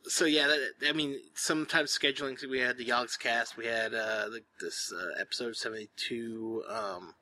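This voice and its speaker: A man's voice: mid-range voice, steady tone, normal speed, few pauses, sharp tone, slight background noise. A man co-hosting a casual podcast, rambling in long sentences with many fillers and self-corrections. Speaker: podcast co-host. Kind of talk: casual chat.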